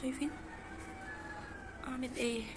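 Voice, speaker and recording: A woman's voice: sits high, flat delivery, moderate pace, music in the background. A woman with an Egyptian accent, vlogging at home and exclaiming anxiously as she talks straight to her viewers. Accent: Egyptian Arabic. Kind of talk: casual vlog commentary to viewers. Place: her apartment, indoors.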